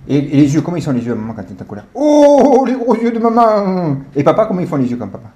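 Lively fast-talking father coaxing a child. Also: mid-range voice. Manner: gently questioning, playful, coaxing. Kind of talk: casual home chat with a young child.

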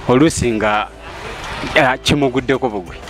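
A man who drives a motorbike taxi answers street interview questions calmly and in measured terms. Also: mid-range voice, faint music behind. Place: outdoors by a city street. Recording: street noise over the voice. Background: traffic noise.

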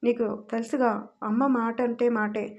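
A woman voicing a calm, self-assured young man who speaks matter-of-factly in a storybook reading. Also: on the high side, moderate pace, dull audio, close to an everyday voice. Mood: cool. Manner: cool, matter-of-fact.

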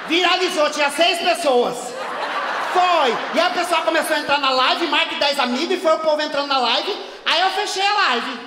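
A male comedian voicing a brash, indignant woman who is caring for her father in hospital. She talks in a loud, gossipy, dramatic way with shouting bursts in a stand-up monologue. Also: very high-pitched, slight background noise. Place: theater stage at a live show. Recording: echoey hall, from far off.

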